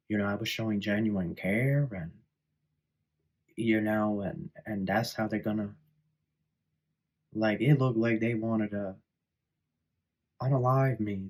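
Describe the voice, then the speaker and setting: Man, deep-leaning voice, tarot reading, loose chatty delivery, lots of "like" and "you know". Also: a little mellow, low-quality recording. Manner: rambling, filler-heavy storytelling. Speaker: tarot reader. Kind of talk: casual spoken tarot reading.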